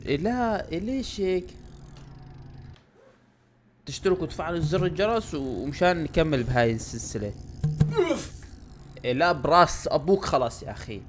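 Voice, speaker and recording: A gaming YouTuber in his twenties, with a Levantine Arabic accent, delivers excitable let's-play commentary for his channel. He swings between loud outbursts and low muttering over loud game music.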